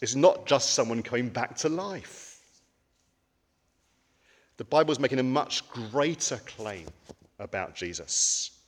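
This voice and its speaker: Guy preaching, chatty and full of ums, asks questions, mid-pitched voice with long echo. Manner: conversational, with frequent ums and rhetorical questions. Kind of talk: sermon.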